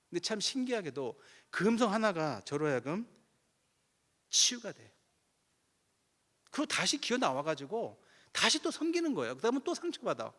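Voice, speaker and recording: Male guest pastor, revival sermon, lively and wide-ranging delivery, plays both voices in his stories. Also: sits high. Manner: animated storytelling, acting out both sides of conversations. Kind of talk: sermon with acted prayer dialogue.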